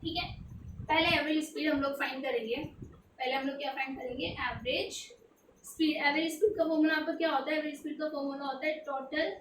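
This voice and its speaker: A woman's voice: sits high, fairly even intonation, a little fast, far from the mic, noisy background. A woman tutoring a textbook physics problem, asking questions and answering them herself, with English terms mixed in. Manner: mixes English terms into her explanations. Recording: echoey room, away from the mic.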